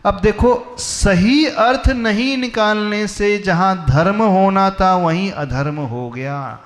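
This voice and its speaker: A man's voice: high voice, slow pace. A man, a monk, giving a sermon and teaching with emphatic rhetorical questions. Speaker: Jain monk preacher.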